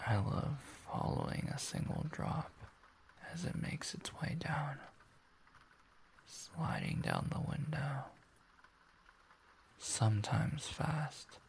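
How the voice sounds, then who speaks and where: A man playing a tender, soothing boyfriend in a whispered role-play, speaking softly, warmly and intimately, as if very close to his partner. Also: medium pitch, exaggerated voice. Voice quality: soft, breathy whisper with creak.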